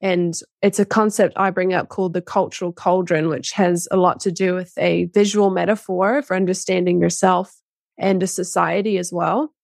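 A woman's voice: on the low side, steady tone, moderate pace, creaky, a little mellow, dry recording, studio quality. A young woman, co-author of a book, giving long explanatory interview answers with many restarts. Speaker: co-author guest.

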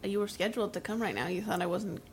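A woman playing a bewildered, polite, soft-hearted homeowner in an improvised comedy sketch. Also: mid-range voice, fast, lightly acted. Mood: puzzled, hesitant. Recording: noticeable background noise.

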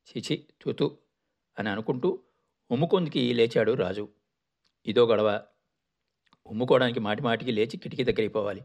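A man tells a story in a calm, measured reading voice. His tone has a gravelly fry to it. His pitch sits in an ordinary middle range. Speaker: narrator. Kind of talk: storytelling narration.

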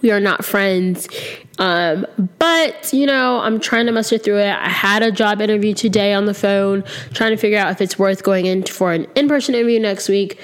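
A woman in her twenties hosts a solo podcast, rambling candidly with lots of ums while sitting close to the mic. She is slightly sick and a little nasal. Her voice is medium-pitched, clear and resonant, at a moderate pace.

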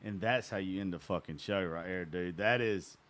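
A man hosts a casual podcast, swearing freely as he talks with his guest. His voice sits on the low side. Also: moderate pace, a bit bright. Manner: swears casually, brief reactions. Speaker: podcast host.

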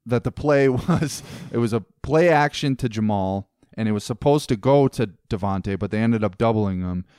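A man co-hosting a sports podcast, talking casually and breaking in with quick exclamations. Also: on the low side, darkish tone, clear, resonant tone, no room sound, clean studio sound. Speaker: podcast co-host.

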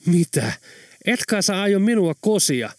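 A man's voice: high-pitched, big pitch swings, no echo, pitched above the performer's own voice. A man reading an audiobook gives a raised, lilting voice to a cheerful young woman on the phone with her partner. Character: young adult woman, a spy's girlfriend, cheerful.

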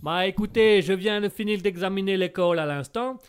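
A man playing a male coroner in a comedy radio sketch, talking haltingly with lots of fillers. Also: sits high, clear, resonant tone, lightly acted. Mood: earnest. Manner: hesitant, halting with many fillers. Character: male coroner giving a hesitant report.

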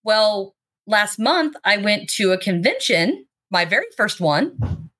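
A woman chatting informally as a podcast guest, telling stories in an animated, chatty way and swearing freely. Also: mid-range voice, takes it slowly. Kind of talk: casual chat, animated storytelling.

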